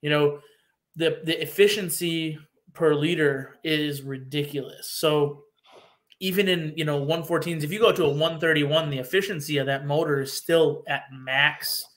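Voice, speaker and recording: A man's voice: a little high, steady tone, normal speed, fairly bright tone. A man from Wisconsin, a guest on a casual podcast chat, explaining things in earnest detail with many restarts.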